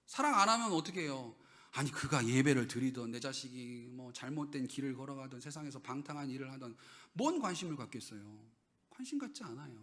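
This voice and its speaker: A male pastor preaching a sermon in a church. He asks the congregation questions, then moves between loud, emphatic lines and quiet, low asides.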